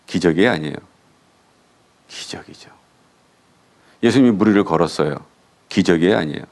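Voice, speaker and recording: Male pastor, middle-aged, conversational sermon full of questions to the congregation, very animated pitch. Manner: asks the congregation questions and answers them himself.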